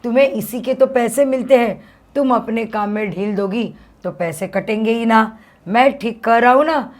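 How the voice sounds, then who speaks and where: A woman's voice: fairly high pitch, close to an everyday voice. A woman teacher voicing a stern, stingy male master of a household, lecturing as she reads a story aloud to her class. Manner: lecturing, drawn-out reckoning of money.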